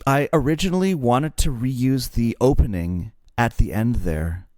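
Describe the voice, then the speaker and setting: A man's voice: medium pitch, measured pace, a little mellow, no echo, studio quality. A man co-hosting a podcast, explaining songwriting in a casual, self-deprecating way. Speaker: podcast co-host.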